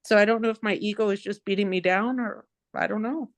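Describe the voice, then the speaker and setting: A woman in an online class shares her feelings in a halting, emotional way, full of "you know", over a video call. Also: medium pitch, steady tone, no echo. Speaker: class participant. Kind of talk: personal sharing.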